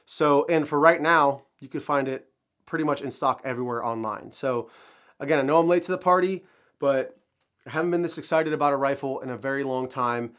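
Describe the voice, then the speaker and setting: A man's voice: medium pitch, fairly bright tone. A man hosting his own channel, talking casually to camera with a nasal, stuffed-up voice from a cold, rambling with lots of fillers. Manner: rambling, with many fillers and restarts. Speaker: firearms channel host.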